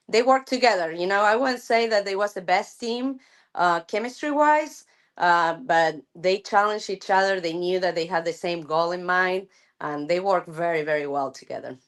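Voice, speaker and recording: A middle-aged woman from Argentina, a softball coach chatting thoughtfully in an interview, with many fillers and restarts. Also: fairly low pitch. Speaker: college softball head coach. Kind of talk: casual interview chat.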